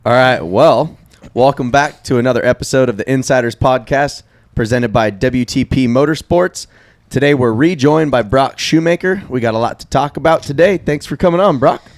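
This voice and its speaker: A man's voice: medium pitch, normal speed, no room sound. A young man hosting a podcast, joking and teasing in casual banter. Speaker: podcast host.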